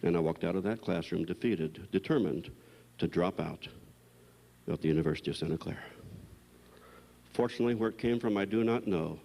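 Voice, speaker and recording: Man, gravelly low voice, blunt storytelling lecture, long hall reverb. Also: brisk, long pauses. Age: older. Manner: storytelling, blunt and animated with sudden bursts. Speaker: psychologist giving a talk. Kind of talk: motivational lecture to an audience.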